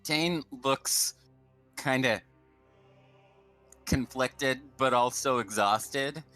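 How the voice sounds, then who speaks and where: A man playing a tabletop game, speaking in short, quiet statements. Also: medium pitch, drawn-out words, soft background music. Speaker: player. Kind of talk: casual tabletop play.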